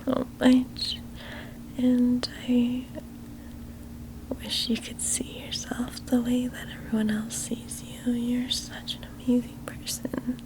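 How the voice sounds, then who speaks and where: A very slow, soft spa-like whisper in an ASMR whispered role-play. A woman plays an affectionate childhood best friend, tender and lightly teasing. The voice sits fairly high and soothes as it guides the listener to relax. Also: level tone, low-quality recording. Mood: tender reassurance.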